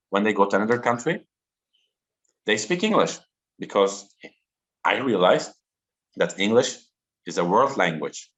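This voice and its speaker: A man in his thirties from Turkey, a native Turkish speaker giving an online talk to students slowly and deliberately over a video call. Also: on the low side, a bit bright. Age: 30s. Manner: slow, deliberate and interactive.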